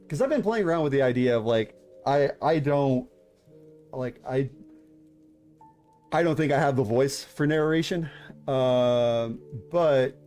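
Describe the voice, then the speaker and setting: A man in his thirties with a mid-range, dark-toned voice hosts a VTuber live stream doing writing critiques. He chats casually with viewers but hesitates a lot, with many fillers and restarts.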